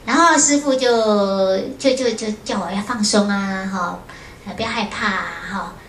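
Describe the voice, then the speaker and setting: A Buddhist nun gives a storytelling lecture to an audience. She tells her story in a lively way and often uses short filler words. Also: medium pitch, moderate pace, a little hiss or hum. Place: lecture room at a foundation. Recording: roomy hall with faint ambience.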